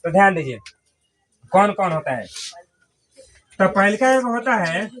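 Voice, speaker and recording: A man's voice: high voice, sing-song, unhurried, a bit bright. A male teacher giving a classroom grammar lesson, asking questions and repeating the answers.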